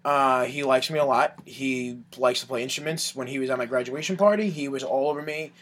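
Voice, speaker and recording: A man's voice: medium pitch, brisk, fairly bright tone, a little hiss or hum. A young man in his twenties telling rambling stories in casual chat, full of "like" and "um". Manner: rambling, filler-heavy with lots of "like" and "um".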